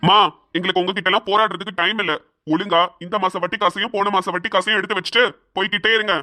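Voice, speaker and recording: A woman doing an arrogant bank officer in a cartoon, bright and forceful, barking orders and threatening people over unpaid interest. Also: medium pitch, fairly even intonation, fast, voice pushed down, natural voice. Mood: menacing. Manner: rude, menacing, bossy. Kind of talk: cartoon voice acting.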